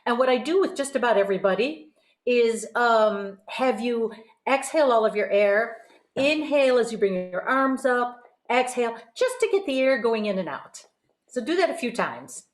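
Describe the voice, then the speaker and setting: Her voice runs on the high side, animated and at normal speed, as this host and voice teacher, middle-aged or older, coaches singing in a chatty, encouraging, explanatory way. The sound is roomy, with noticeable echo.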